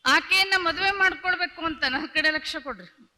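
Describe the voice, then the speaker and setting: A woman's voice: extremely high pitch, brisk, sharp tone, big-room sound. A woman preacher giving a religious discourse, repeating lines in rhythm and telling stories. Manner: tells stories, acting out quoted voices. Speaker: spiritual preacher.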